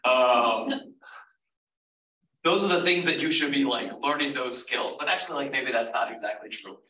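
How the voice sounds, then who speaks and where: A man's voice: mid-range voice, animated, normal speed, sharp tone. A man advising students in a casual info session, rambling with lots of fillers and self-corrections. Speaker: economics advisor. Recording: echoey room, far from mic, faint noise.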